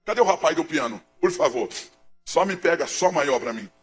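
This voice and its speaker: A man from Pernambuco, giving a dramatic testimony sermon in a church, swinging between hushed and shouting. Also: a little high, expressive, moderate pace, soft background music. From Pernambuco, Brazil.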